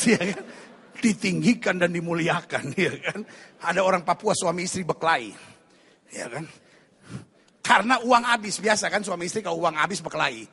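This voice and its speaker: Male pastor, gravelly husky voice, high bright tone, animated joking sermon. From Indonesia. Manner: animated, joking, calls out to the congregation. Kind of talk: charismatic sermon with jokes. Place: church.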